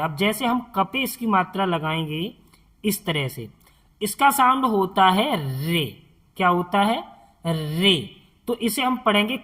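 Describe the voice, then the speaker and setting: A man teaching a slow, step-by-step lesson as a Hindi tutor. He speaks patiently, repeats each sound and quizzes the viewer on it. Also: sits high, fairly bright tone.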